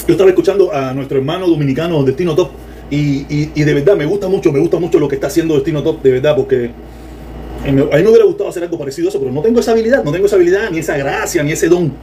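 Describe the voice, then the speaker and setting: A Cuban man with a Cuban Spanish accent, giving sarcastic, animated political commentary on a livestream and reading viewer comments. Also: a little high, racing, crowd noise. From Cuba.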